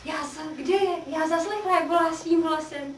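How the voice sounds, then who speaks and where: A high, trembling young woman in a prison cell, half out of her mind with grief, begging in stagey verse, heard through a roomy, distant mic with faint hiss. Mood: rapturous. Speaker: actor in a radio play. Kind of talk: theatrical verse radio drama.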